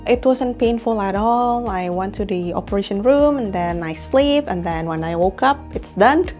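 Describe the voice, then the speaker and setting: A woman's voice: medium pitch, moderate pace, darkish tone, soft background music. A young woman from Indonesia, chatting casually in a vlog about her recovery, with frequent little laughs and fillers. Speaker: clinic employee and patient.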